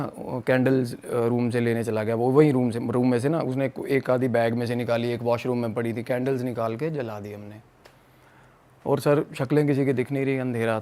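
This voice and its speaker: A young man from Punjab telling a spooky story in casual podcast talk, acting out his friends' lines and mixing in English and Punjabi. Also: medium pitch. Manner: animated, acts out quoted friends, mixes in English and Punjabi. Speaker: guest storyteller.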